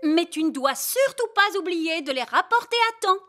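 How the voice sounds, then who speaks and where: A woman voicing a brisk, firm rabbit librarian in a children's cartoon, instructive and mildly admonishing. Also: very high-pitched, lively intonation, a bit bright.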